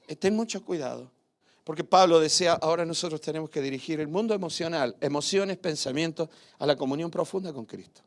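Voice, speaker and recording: Man preaching in a chatty, lively way. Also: fairly high pitch. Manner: conversational preaching with rhetorical questions and tag questions; lively, swings between raised emphasis and quiet asides. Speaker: pastor. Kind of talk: sermon.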